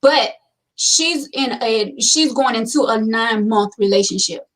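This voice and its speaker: A woman's voice: on the high side, measured pace, fairly bright tone, distant mic, poor audio. A woman hosting a casual talk show, chatty and opinionated, repeating points for emphasis. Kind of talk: casual chat.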